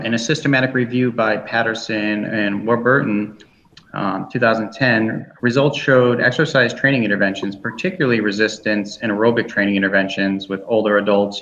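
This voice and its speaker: A man in his thirties from Massachusetts presents to a graduate class in a somewhat low voice. He speaks slowly and haltingly. The recording sounds dull and lo-fi. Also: a bit bright. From Massachusetts, USA. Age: 30s.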